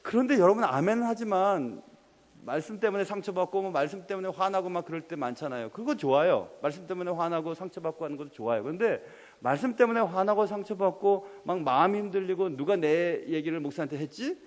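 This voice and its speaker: A young male pastor preaches with a high, animated voice, throwing questions at the congregation and pressing for answers. The sound carries a long reverb from the sanctuary. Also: fast talker. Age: young adult. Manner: lively, quizzes the congregation and presses them. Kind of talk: sermon. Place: church sanctuary.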